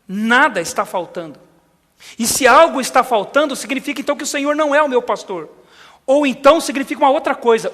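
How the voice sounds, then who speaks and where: A man pastor preaching a sermon. He repeats key lines slowly for emphasis and puts questions to the congregation. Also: extremely high pitch, a bit bright, in a large hall. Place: large hotel conference hall.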